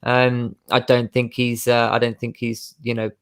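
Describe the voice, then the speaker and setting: A man giving blunt, opinionated takes on a football panel. His voice is mid-pitched and the recording is dry, with no room sound. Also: monotone, unhurried, a bit bright, smooth, dry recording. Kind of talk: casual football discussion.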